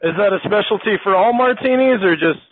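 A man's voice: sits high, brisk. Playful young man on a tinny line. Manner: playful, upbeat, joking. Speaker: show host. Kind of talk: casual interview. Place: bar in a restaurant. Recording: tinny phone-like sound, faint hiss.

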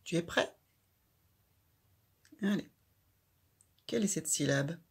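A woman teaching a child to read, speaking slowly and clearly and saying each syllable loudly. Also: on the low side, expressive. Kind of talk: children's reading lesson.

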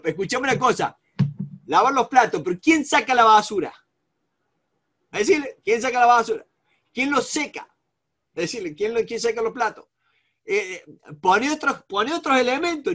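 Argentine male seminar instructor, high-pitched, animated and repetitive, addresses the group by name. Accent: Argentine Spanish. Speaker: negotiation instructor. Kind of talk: live seminar lecture to a group.

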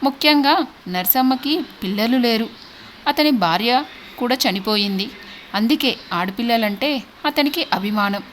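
Woman storyteller, high voice. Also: unhurried, a little hiss or hum. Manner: steady, expressive storytelling. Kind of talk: audiobook narration.

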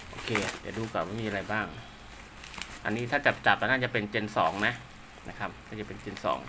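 Here a radio technician who also sells his work chats casually and politely while rigging up equipment, drifting from point to point and partly addressing himself. His voice sits fairly low. The background is noisy.

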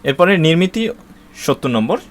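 A man from Bangladesh explaining an exam syllabus to students in a spoken lesson, reading out long lists steadily and pausing with frequent "uh" fillers and restarts. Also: a little high, very animated. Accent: Bangladeshi Bengali.

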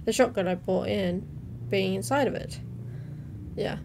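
Her voice is mid-range, a little slow, and touched with vocal fry. A young adult woman hosting a reaction video, she reads captions aloud and chimes in informally between them. The recording, made indoors in a small room at home, carries noticeable background noise.

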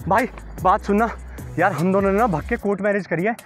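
A young man hosting a street prank, talking in loud, teasing and playful banter outdoors. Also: sits high, a little fast, soft background music. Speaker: prankster host. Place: outdoors in a park.

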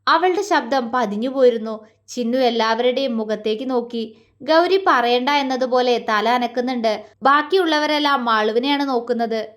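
A woman narrating a romantic family story, expressively voicing the characters' lines. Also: normal speed. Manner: expressive, shifts pitch for quoted characters.

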